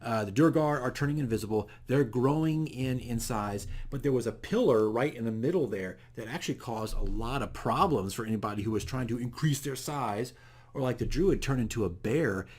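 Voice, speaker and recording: Speaking briskly in a mid-range voice with a darkish tone, this man hosts an unscripted video diary as a dungeon master. He recaps the game session casually, wandering through explanations and correcting himself along the way.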